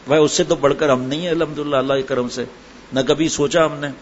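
Man, preacher, sermon with anecdotes, conversational, fairly high voice. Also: fairly even intonation. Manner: conversational storytelling, chatty asides. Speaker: religious preacher. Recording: dull lo-fi with faint background noise.

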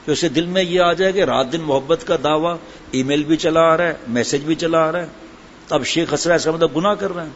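A man preaching a sermon and telling humorous anecdotes in a chatty way, full of asides. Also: fairly high pitch. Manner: conversational storytelling, chatty asides. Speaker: religious preacher. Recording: dull lo-fi with faint background noise.

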